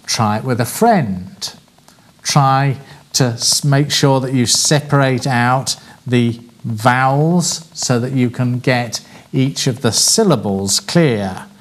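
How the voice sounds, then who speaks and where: Man slowly teaching a presentation class. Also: mid-range voice. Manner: clear, deliberate, slows to spell out words. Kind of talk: lecture on presentation skills.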